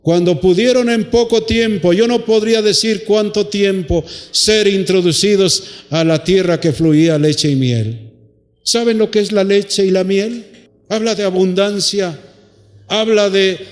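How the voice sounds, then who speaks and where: A man preaching a sermon, putting rhetorical questions to his congregation and drawing out phrases for emphasis, recorded in a church hall. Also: high voice.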